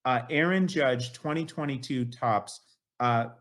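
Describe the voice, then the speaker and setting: A slightly slow, mid-range male voice with a fairly bright tone comes from a collector in his late fifties, guesting on an interview show. The chat is casual, and he goes on enthusiastically with many "you know" fillers.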